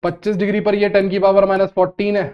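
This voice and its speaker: High-voiced man teaching chemistry. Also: little pitch movement, quick pace, clear, resonant tone, dull audio. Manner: scolding, teasing, repeats phrases. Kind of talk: online lecture.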